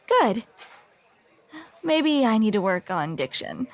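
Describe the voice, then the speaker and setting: A very animated woman in full character voice, pitched on the high side, plays an ASMR tsundere barista who is grumpy and flustered but secretly soft. The delivery is dry and grumpy, sardonic, self-deprecating and awkwardly halting.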